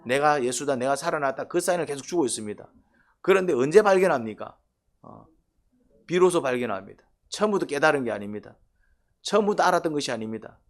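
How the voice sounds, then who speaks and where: A middle-aged male pastor preaching a sermon, pausing on filler sounds, repeating key points and asking the listeners questions. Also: fairly high pitch, very animated. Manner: repeats points, often says 'eo' filler, asks the congregation questions.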